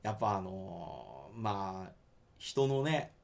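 A man's voice: low voice, slow pace, gravelly. A man, chatting casually as a podcast co-host, laughing often and acting out quoted lines. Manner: animated, laughs often, slips into Kansai-style quoted lines. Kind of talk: casual chat about anime.

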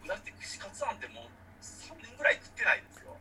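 A man from Osaka, co-hosting a casual chat and telling stories in a lively, animated way. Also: high voice, fast talker, a little hiss or hum, low-quality recording. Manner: lively, animated storytelling with laughs.

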